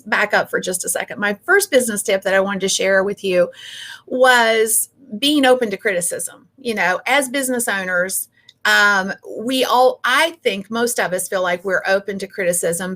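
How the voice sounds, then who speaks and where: A woman's voice: medium pitch, a bit bright. A middle-aged woman hosting a business show, telling a story in a chatty, casual way with lots of fillers and playful re-enactments.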